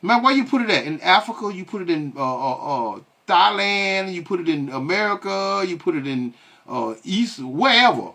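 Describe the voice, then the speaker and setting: A man with a somewhat high, breathy-husky voice delivers a blunt commentary on clips he plays. He scolds his audience and keeps asking rhetorical questions and answering them himself. He stalls on fillers before pressing on. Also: very animated, moderate pace, bright, forceful tone. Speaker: online religious commentator. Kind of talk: ranting commentary on video clips.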